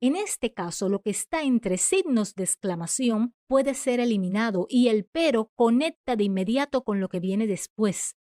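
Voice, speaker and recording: Woman teacher, slightly high voice, calm scripted lesson with lively read-out examples, dry close sound. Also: no echo. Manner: clear, measured explaining, acting out example sentences. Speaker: writing teacher.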